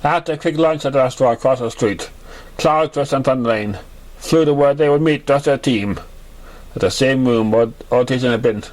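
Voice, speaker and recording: A mid-range male voice narrates scripted fiction as an amateur reader, halting and occasionally stumbling over words.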